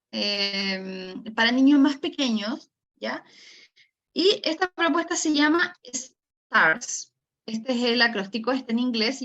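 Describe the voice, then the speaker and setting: A woman speech therapist teaches a course through an online lecture, explaining things step by step with many fillers and tag questions and acting out storytelling examples for children. Her voice is a little high and fairly bright. It comes through a video call with dull, lo-fi audio.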